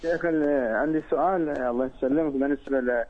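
A man's voice: medium pitch, husky. Hesitant male caller on a phone. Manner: hesitant, halting. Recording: phone line.

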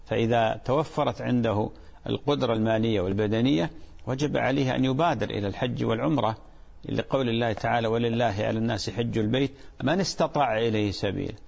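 A man as a sheikh on a call-in program, calmly explaining answers to callers' questions and checking that they are clear. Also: medium pitch, quick pace, long reverb tail. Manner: calm, explanatory, repeats points and asks "clear?".

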